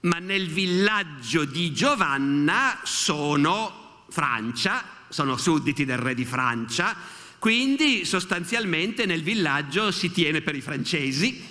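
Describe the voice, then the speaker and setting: A man in his sixties from Italy giving a public history lecture at a festival, telling the story in a lively way and quoting witnesses with animated asides. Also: a little high. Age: 60s. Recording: long hall reverb.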